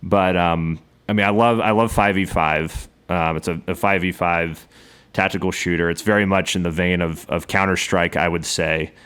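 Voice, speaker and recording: Deep-voiced Southern man hosting. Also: moderate pace, clean tone. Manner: relaxed, chatty, frequent fillers. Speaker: podcast host. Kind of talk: casual interview.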